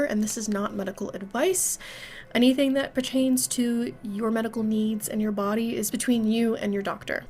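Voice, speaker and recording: A young woman with a congested voice, giving an online singing lesson as a voice teacher in a clear, instructive way. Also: fairly high pitch. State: congested from a cold.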